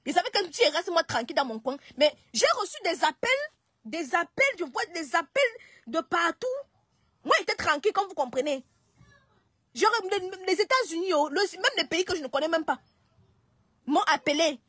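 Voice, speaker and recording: High-voiced woman live streaming. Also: expressive, moderate pace, fairly bright tone, dry recording, studio quality. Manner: hesitant, restarts and pleads. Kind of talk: casual live-stream talk.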